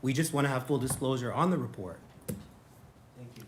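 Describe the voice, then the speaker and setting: A man's voice: mid-range voice, expressive, moderate pace, a little hiss or hum. A man town councillor speaking plainly and earnestly in a council meeting.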